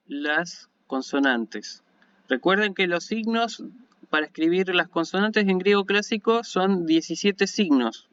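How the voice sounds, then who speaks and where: A university lecturer in Ancient Greek with an Argentine Spanish accent gives an online lecture, explaining patiently and often checking in with listeners. His voice sits fairly high for a man, smooth, resonant, and a bit bright. The recording is dull and lo-fi.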